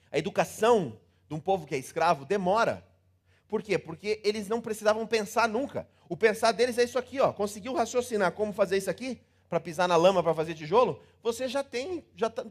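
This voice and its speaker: A man with a Brazilian Portuguese accent preaching a sermon, theatrical and animated, acting out scenes and repeating words in rhythm. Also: high-pitched. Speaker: pastor.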